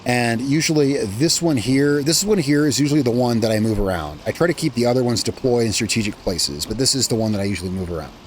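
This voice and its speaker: A man's voice: mid-range voice, animated, fast talker, hardly any pauses, slight background noise. A man hosting a gaming channel, talking through his gameplay in a casual, rambling way that often corrects itself midway. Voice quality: rambling, self-correcting, chatty.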